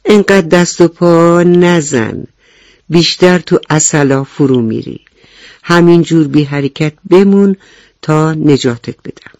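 A woman voicing a wise, cautious winged ant in a children's radio story, giving calm, kindly warnings. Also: deep voice, dry recording.

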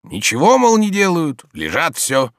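A stubborn old manservant, as a male narrator puts him on, grumbling and ironic, his voice raised higher and louder than the reader's own. He talks in a lively, swooping way, and the recording is close and dry. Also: measured pace, smooth, no echo, full character voice.

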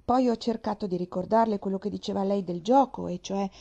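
An anxious, tender-hearted young maid from a storybook, earnest and apologetic, always sounding near tears, as a woman reader puts her on. The voice is mellow and soft. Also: mid-range voice, a little fast, vocal fry, highs cut off. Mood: distressed.

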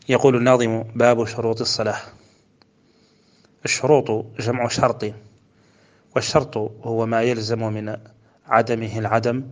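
A man from Mauritania, teaching a religious lesson by explaining a poem line by line. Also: medium pitch. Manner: slow measured chanting of verse, then brisk explanation. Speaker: Islamic scholar teaching a text.

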